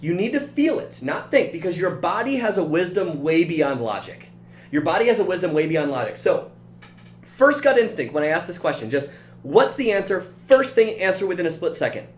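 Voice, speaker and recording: A man coaching his listeners in an earnest, direct motivational talk. His voice sits slightly high for a man and rings in a roomy space. A faint hum runs underneath. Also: sing-song, moderate pace.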